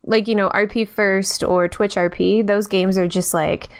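A chatty woman with a Midwestern American accent, talking casually on a podcast. Her voice sits at an ordinary middle pitch. She keeps her sentences loose and filled with "like". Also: fairly even intonation, a little slow. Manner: chatty, fills with "like". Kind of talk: casual chat.

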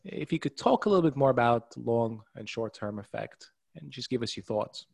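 A man's voice: mid-range voice, lively intonation, moderate pace, gravelly, a little mellow, husky, dry recording. A man moderating a webinar panel, upbeat and welcoming, with some fillers as he talks. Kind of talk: scripted-sounding webinar hosting.

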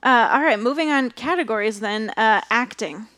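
A woman's voice: fairly high pitch, normal speed, fairly bright tone, dry recording. A young woman co-hosting a casual movie review podcast, chatty, with frequent laughs and fillers. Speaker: podcast co-host.

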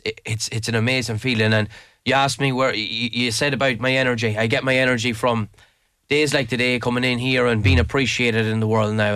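A man's voice: mid-range voice, sharp tone, dry recording, clean studio sound. An Irish man answering interview questions casually as a guest, enthusiastic and emphatic, often repeating phrases to drive them home. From Leitrim, Ireland. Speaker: interview guest, mountain adventure guide.

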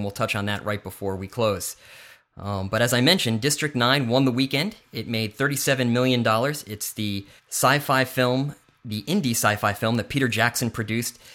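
A man with a bright, clear tone hosts a casual entertainment talk show. He runs down the news in an easy, breezy way, and his pitch sits in a middle range. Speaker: podcast host. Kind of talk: casual chat.

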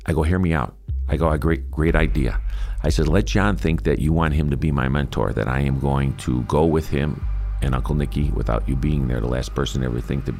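A man's voice: extremely low pitch, brisk, vocal fry, a little mellow, soft background music. A middle-aged man telling his own story in an interview, acting out the voices of the people in it. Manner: vivid storyteller, acting out dialogue. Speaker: interviewee recounting his past.

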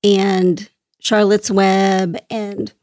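A woman's voice: mid-range voice, level tone, very slow, a little mellow, no echo, studio quality. A woman who is a guest on a casual talk show, speaking earnestly and emphatically. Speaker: podcast guest. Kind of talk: casual chat.

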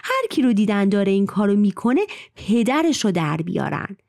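A woman storyteller voicing a king disguised as a dervish, calm and inquiring. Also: medium pitch, gravelly. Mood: commanding.

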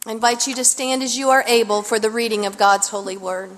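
A woman pastor delivering a sermon at a pulpit microphone in a church sanctuary, speaking in a measured, deliberate way. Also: fairly high pitch, steady tone, a bit bright, a little hiss or hum. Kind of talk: sermon with scripture reading. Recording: long reverb of a large hall.

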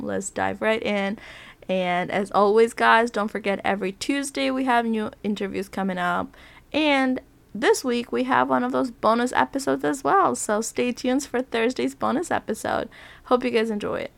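A podcast host interviews a guest in an upbeat, chatty manner with some fillers, her voice a little off because she's sick. It's slightly high and gravelly, captured in a dry recording.

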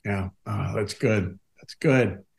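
A man's voice: lowish voice, slow pace, vocal fry. A man hosting a faith podcast, talking enthusiastically and smiling as he asks his questions. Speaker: podcast host. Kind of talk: casual theological discussion.

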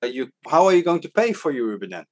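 Recorded in Hong Kong, a Dutch startup advisor talks fast during a casual podcast interview, yet keeps stopping on "uh" and starting his words over. His voice rests at a typical middle male pitch.

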